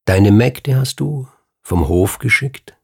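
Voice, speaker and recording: A man's voice: medium pitch, expressive, takes it slowly, creaky, darkish tone, slightly rough, voice pushed up, heavily acted. A man voicing a spiteful, sad young woman in a fairy tale reading. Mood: cold.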